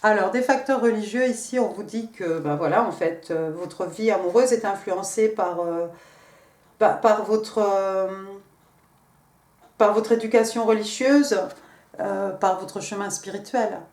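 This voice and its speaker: A woman's voice: medium pitch, unhurried, darkish tone, distant mic. A woman giving a casual tarot card reading, hesitant, with many fillers and restarts. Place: room at home. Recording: roomy, from off the mic.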